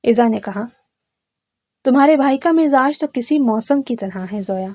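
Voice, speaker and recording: A woman narrating a romance story, reading all the characters' lines in one steady voice. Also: high-pitched, no room sound.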